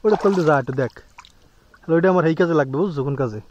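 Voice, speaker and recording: A man's voice: fairly high pitch, lively intonation, rapid-fire, darkish tone, a little hiss or hum. A young man chatting casually to viewers in a family vlog outdoors at a rural home, coaxing his small son along the way. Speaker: family vlogger.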